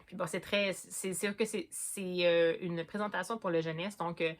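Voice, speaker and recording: A Québécoise woman talks through her reading picks in a relaxed, chatty way. Her voice sits a little low for a woman, and she fills pauses with hesitations and false starts. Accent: Québécois French. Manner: chatty, hesitant, many fillers and restarts. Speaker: book vlogger. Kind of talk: casual chat about books.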